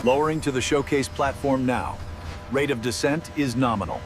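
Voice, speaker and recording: A man's voice: mid-range voice, moderate pace. Man reporting technical status over music. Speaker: industrial technician.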